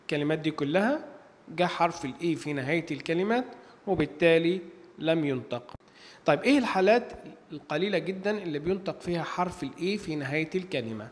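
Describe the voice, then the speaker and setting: A man's voice: fairly high pitch, lively intonation, big-room sound. A man with an Egyptian Arabic accent teaching an English pronunciation lesson, stretching out each example word and then repeating the list. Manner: drawn-out, careful pronunciation of example words, repeated twice. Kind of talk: language lesson.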